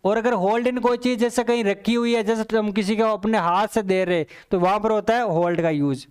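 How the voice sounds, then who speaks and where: Smooth, steady in tone and sitting high, this man's voice carries an English lesson for competitive exams. Step by step he explains the answers, repeating key points to his students and reading English example sentences slowly and deliberately.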